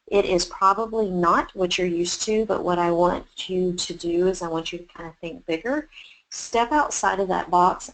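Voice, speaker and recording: Hosting a webinar presentation, a chef from Texas walks her audience through it, chatty and encouraging and full of fillers. Her voice is lowish, and the recording quality is low.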